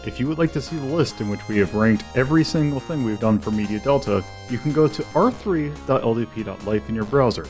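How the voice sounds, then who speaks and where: A man's voice: medium pitch, fast, few pauses, soft background music. Easygoing male podcast host. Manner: relaxed, rambling with fillers. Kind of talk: casual chat.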